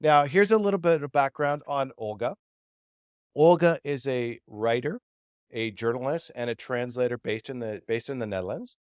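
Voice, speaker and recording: A man's voice: medium pitch, moderate pace, clear, resonant tone, dry recording, studio quality. Rambling male podcast host. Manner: repeats words, rambling questions. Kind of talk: interview.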